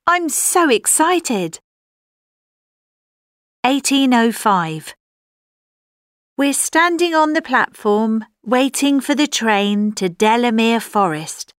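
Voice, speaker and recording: Woman doing a textbook reading, high voice that swoops around, super slow and clear, dry sound. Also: no room sound. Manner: slow, clear and expressive, like a language-course recording. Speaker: textbook audio reader.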